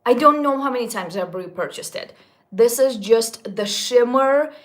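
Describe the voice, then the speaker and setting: A woman almost forty, speaking in a fairly high voice at normal speed, vlogs casually about makeup for her viewers. She raves about products, with occasional slips and restarts along the way.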